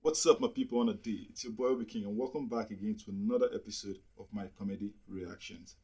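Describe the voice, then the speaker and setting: A man's voice: lowish voice, fairly even intonation, quick pace, a little mellow, husky. A man hosting comedy reaction videos, greeting viewers in an upbeat intro and repeating phrases for emphasis.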